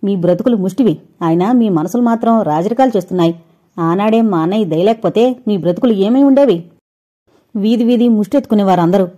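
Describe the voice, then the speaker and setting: Woman narrator voicing a fast, scornful young wife in a furious rant, mellow voice. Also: mid-range voice, lo-fi sound, natural voice. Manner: taunting, shouting fast tirades. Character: angry scornful young wife, sharp-tongued. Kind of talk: audio novel reading.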